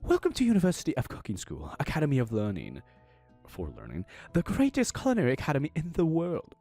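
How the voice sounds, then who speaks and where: Guy doing a high pompous corgi teacher voice, stern lecture, bit of music behind. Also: wildly swooping pitch, fast, dark tone, full character voice. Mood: grandiose. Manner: grandly lecturing, demanding respect. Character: small fluffy corgi professor, stern and pompous.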